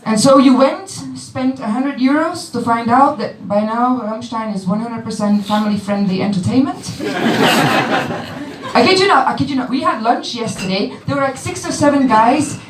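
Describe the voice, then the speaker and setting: A young woman from Belgium with a Flemish accent works a small club crowd, playful and teasing. Her voice sits a little high and reaches the mic from a distance. The room rings around her over noticeable noise. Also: moderate pace, few pauses, reverberant. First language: Dutch. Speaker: stand-up comedian. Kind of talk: stand-up comedy. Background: crowd laughter.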